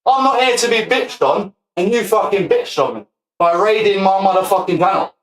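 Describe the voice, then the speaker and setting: High-voiced ranting man, echoey room. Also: fairly bright tone. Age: 40s. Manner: profane, ranting, quick to laugh. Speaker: streamer. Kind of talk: livestream rant.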